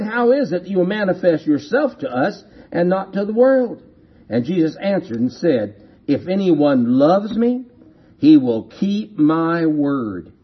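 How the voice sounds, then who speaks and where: A man preaching slowly and deliberately, his voice rising and falling widely as he stresses each point. His tone is somewhat husky, and the recording sounds dull and lo-fi. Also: a little high. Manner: slow, emphatic, repeats key phrases and asks rhetorical questions. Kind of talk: sermon.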